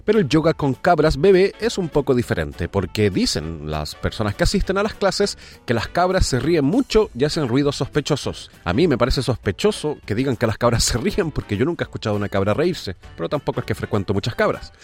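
Male host of a weird-news slot, playful asides, very animated pitch, light music bed. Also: fairly quick. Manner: jokey asides, lively delivery. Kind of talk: humorous news radio segment.

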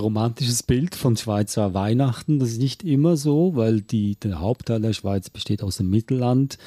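A man from Switzerland with a Swiss German accent, reading poems aloud and chatting in a gentle, reflective way. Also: on the low side, no echo, clean studio sound. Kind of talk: casual conversation and poem reading.

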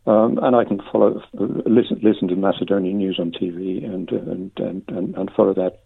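An older man giving a hesitant, stammering interview with measured academic phrasing over a phone. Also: low-pitched, steady tone, vocal fry, slightly rough. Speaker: interviewee, lexicographer. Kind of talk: interview conversation. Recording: narrow phone-like line.

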